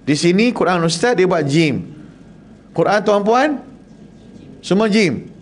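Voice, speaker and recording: Speaking slowly in a high voice with a Malaysian Malay accent, a man leads a Quran recitation class in a prayer hall. He keeps things lively and full of jokes, quizzes the group and demonstrates how the Arabic sounds are made.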